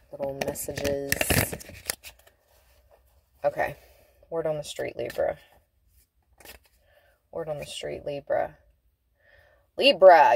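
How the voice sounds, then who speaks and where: A woman's voice: deep voice, background noise. A woman giving a casual tarot reading from inside a car, chatty and laughing, stretching out words for emphasis. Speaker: tarot reader.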